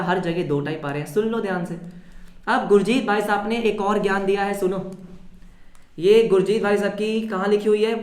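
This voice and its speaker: A male accounting teacher giving a lively online class, mixing English terms into Hindi and quizzing students, then answering for them. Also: high voice. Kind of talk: live online class lecture. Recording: roomy echo.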